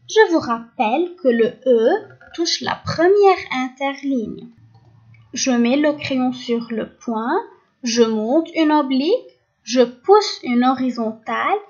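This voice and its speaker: A woman teacher with a Lebanese French accent, giving a phonics lesson and pronouncing each sound and syllable very slowly and clearly. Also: high voice. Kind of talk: recorded phonics lesson for young pupils. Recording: dull lo-fi recording.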